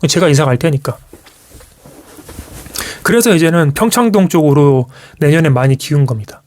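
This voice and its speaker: A man's voice: a little high, normal speed. A man streaming live, telling a personal story to his viewers in casual speech with frequent restarts, acting out what others said. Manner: animated storytelling, acts out quoted parents. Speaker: YouTuber.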